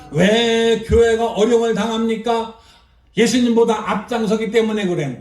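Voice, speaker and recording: A woman's voice: on the high side, a little mellow. Older woman pastor preaching with roomy echo. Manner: emphatic preaching with frequent hallelujahs and prompting asides to the congregation. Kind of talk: revival sermon. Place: church. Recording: roomy echo, voice picked up from a distance.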